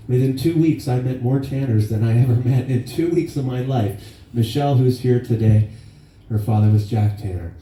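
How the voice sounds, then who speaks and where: At a memorial gathering in a hall, a man in his fifties delivers a eulogy for his father. His fairly low, mellow voice tells stories plainly and casually, with some swearing, laughs, and acted-out quotes. It's recorded from far off in an echoey hall, with a little hiss or hum.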